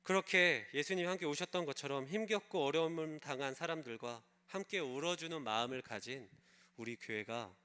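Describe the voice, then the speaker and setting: Bright-voiced man preaching a sermon. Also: a little high, brisk, clean tone. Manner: storytelling, asks the congregation questions. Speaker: pastor. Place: church service.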